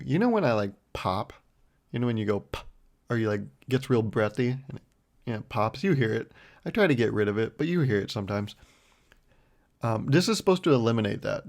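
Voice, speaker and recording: A man in his twenties talking casually and rambling on his solo podcast, self-deprecating, recorded close on a mic with a foam windscreen. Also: gravelly. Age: 20s. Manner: rambling and self-deprecating, lively swings in pitch. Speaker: podcast host.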